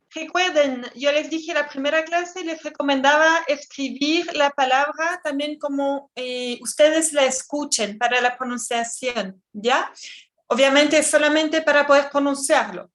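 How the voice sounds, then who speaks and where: A woman teaching an online French class, explaining in Spanish and repeating each word slowly for pronunciation. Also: high voice, fairly bright tone. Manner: slow, careful, repeats words for pronunciation; switches between Spanish explanations and French examples.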